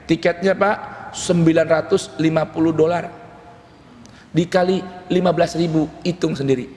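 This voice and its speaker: A man preaching a lively dawn sermon in a mosque, chanting Arabic phrases and joking the congregation. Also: a little high, moderate pace. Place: mosque hall. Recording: echoey mosque hall.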